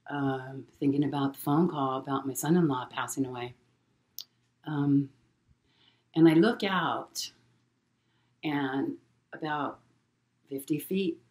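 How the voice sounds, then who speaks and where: A middle-aged woman telling a personal story in a halting way, repeating words and using many fillers. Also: sits low, darkish tone. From Hawaii. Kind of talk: casual spoken storytelling.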